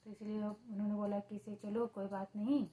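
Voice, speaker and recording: A woman's voice: mid-range voice, level tone, moderate pace, dark tone, low-quality recording. A woman speaking Hindi, a mother telling the story of her day in a casual home vlog, in a plain, repetitive way. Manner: talks to her baby in a sing-song, playful tone. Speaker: vlogger, mother.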